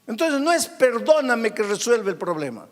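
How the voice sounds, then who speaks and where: A male pastor preaching a dramatic sermon, swinging from loud outbursts to hushed, soft passages. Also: high voice, lively intonation, measured pace. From Peru. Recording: long hall reverb.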